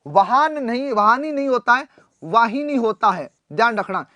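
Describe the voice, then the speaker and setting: A man teaching Hindi in a live online exam-prep class, repeating answers and quizzing students back, often clearing his throat. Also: extremely high pitch, very animated, normal speed, pushed and bright, no room sound. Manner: addresses students fondly as "beta".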